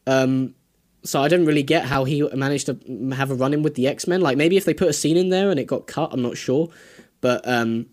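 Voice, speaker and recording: British man, mid-pitched, hesitant casual talk. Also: a little fast, a little mellow. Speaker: podcast panelist. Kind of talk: casual film discussion.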